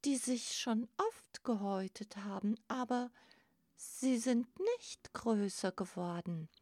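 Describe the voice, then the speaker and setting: A woman's voice: fairly high pitch, slow pace, mellow, no room sound, studio quality. A woman voicing a small, timid young male crab who stammers in wonder, in a storybook reading. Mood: awed.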